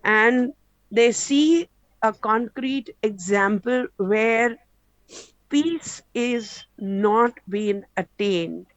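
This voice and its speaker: A woman asking a question in a webinar, earnest and measured, stretching her key words. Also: fairly high pitch, no echo. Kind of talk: question in an online Q&A. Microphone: video call. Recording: dull lo-fi call audio.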